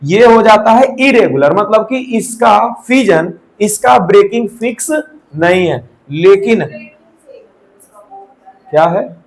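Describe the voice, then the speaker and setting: A man's voice: sits high, expressive, slow, vocal fry, poor audio. A young man giving a live classroom lecture in Hindi, mixing in English terms, asking and answering his own questions and checking in with students. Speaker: teacher.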